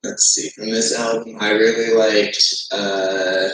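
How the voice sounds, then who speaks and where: A man's voice: fairly low pitch, little pitch movement, takes it slowly, a bit bright, a little hiss or hum. A man in an old video, hesitantly listing his favorite songs with many fillers. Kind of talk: casual music review. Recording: echoey room.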